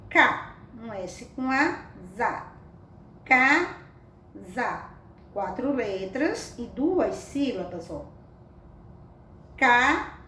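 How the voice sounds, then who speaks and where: Slow, echoey woman teaching children. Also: on the high side, a bit bright. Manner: affectionate, sing-song, coaxing questions to children. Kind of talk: slow, careful children's reading lesson. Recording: echoey room, mic at a distance, faint background noise.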